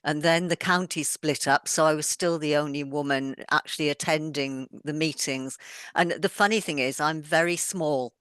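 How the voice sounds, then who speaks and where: In a casual interview conversation, a middle-aged woman author reflects at a moderate pace in a low, smooth, slightly bright voice with no echo. Her mixed British accent carries hints of Welsh and Yorkshire, shaped by an English birth and a childhood spent moving around the world.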